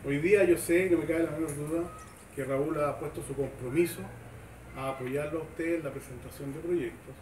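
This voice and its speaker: Heard from a distance by a far camera with no microphone, a Chilean official delivers an informal public speech in an echoey, open-sided covered sports shed, with background noise. His Chilean Spanish is chatty and folksy, full of tag questions seeking agreement. His voice runs on the high side, steady and darkish, at normal speed.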